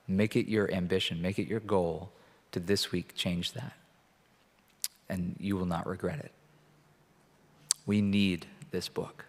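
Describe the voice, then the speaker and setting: A man preaching as a pastor and reading scripture aloud, earnest and deliberate, with pauses between phrases. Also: low-pitched. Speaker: pastor leading a church prayer meeting. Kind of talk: sermon with Bible reading. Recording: reverberant hall, long echo.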